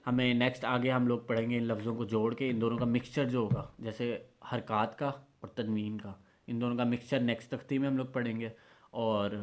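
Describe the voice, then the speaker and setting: Man teaching Quran recitation. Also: medium pitch. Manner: drills syllables slowly, explains in quick bursts. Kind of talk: online recitation lesson.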